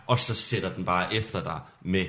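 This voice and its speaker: A man with a fairly low but bright, forceful voice runs an improvised adventure as game master. He narrates in a hushed, suspenseful storytelling manner, building tension scene by scene. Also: a little hiss or hum. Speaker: podcast host, game master.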